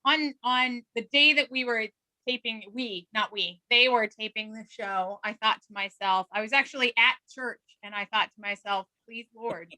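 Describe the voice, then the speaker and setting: Bright, high-voiced woman co-host. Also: moderate pace, rough recording. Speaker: podcast co-host. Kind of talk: casual chat.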